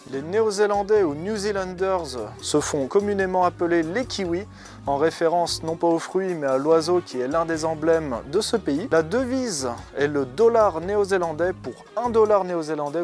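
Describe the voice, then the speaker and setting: Man presenting facts outdoors, slightly high. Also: darkish tone. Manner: clear, methodical, lists facts step by step. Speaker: presenter for a honey brand. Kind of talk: scripted informative presentation.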